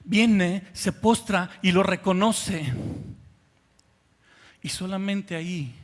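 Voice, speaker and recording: A man, a pastor with a Mexican Spanish accent, preaching a sermon with fervor, swinging from soft, hushed passages to loud pleas. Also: sits high, slow, in a large hall.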